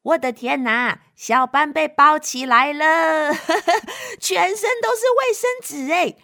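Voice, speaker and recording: A woman reading a picture book aloud to children in an animated, playful way, asking them questions and making sound effects. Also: sits high, takes it slowly, creaky. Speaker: children's storyteller.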